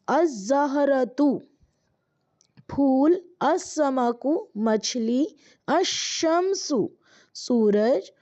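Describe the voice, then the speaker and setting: A woman teaching an Arabic reader lesson, reading each word slowly and drawn out, then explaining it quickly. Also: on the high side, warm tone, dull audio. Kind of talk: explaining a language textbook lesson.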